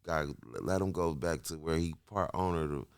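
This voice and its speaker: A man in his late thirties from Kansas City, a musician guest telling stories in a slangy, animated way. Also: extremely low pitch, a little fast, smooth, no echo, studio quality. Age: 30s. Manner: slangy, repetitive, animated storytelling. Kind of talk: casual interview chat.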